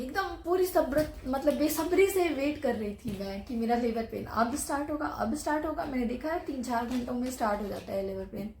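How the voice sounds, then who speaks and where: A young woman with a slightly high voice tells a personal story as a casual vlog. She rambles along with asides and fillers. Her voice rings in an echoey room, with a faint hum of ambience behind it. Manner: chatty, recounting with many asides and fillers. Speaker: vlogger.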